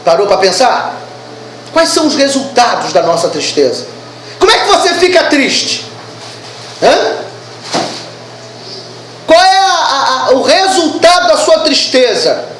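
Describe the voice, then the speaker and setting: Lively high-voiced woman preaching. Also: measured pace, long pauses, reverberant, a little hiss or hum, low-quality recording. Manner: animated, asks the congregation questions. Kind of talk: sermon. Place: church service.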